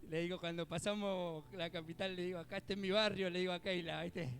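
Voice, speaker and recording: A middle-aged man from Argentina with an Argentine accent, preaching a sermon in a conversational way. He asks "¿sí?" often, calls listeners "hermano", and swells loud when he quotes scripture. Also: high-pitched, steady tone, a little fast, slight background noise. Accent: Argentine Spanish (Buenos Aires area). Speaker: co-pastor. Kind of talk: sermon with personal anecdotes.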